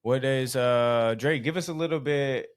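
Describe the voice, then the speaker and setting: A man's voice: mid-range voice, measured pace, clean tone. Upbeat man hosting a podcast. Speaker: podcast host. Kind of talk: casual chat.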